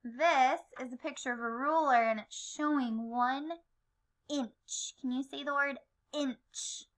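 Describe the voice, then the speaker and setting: A woman's voice: sits high, fairly even intonation, slow pace, fairly bright tone. A woman teaching an early-grade phonics lesson to children, stretching out sounds and encouraging them.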